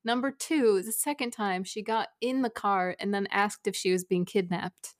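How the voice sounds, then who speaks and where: A woman of middle pitch chats as a podcast guest, trailing off and hedging with fillers. Her voice is dry and close. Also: normal speed, no room sound. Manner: chatty, hesitant, many fillers. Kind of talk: casual discussion.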